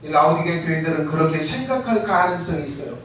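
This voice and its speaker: A pastor preaching an impassioned sermon, often shouting for emphasis and acting out quoted words. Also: male voice, on the high side, expressive, fast, a little hiss or hum. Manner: acts out listeners' and Jesus' words in quotes. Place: church sanctuary. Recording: echoey church hall, mic far off.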